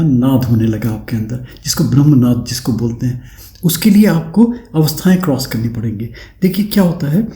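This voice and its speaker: Slow-explaining spiritual teacher, mellow echoey voice. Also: male voice, a little high. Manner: explanatory, repeats tag "है ना", demonstrates chanting. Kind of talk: spiritual discourse with demonstrations.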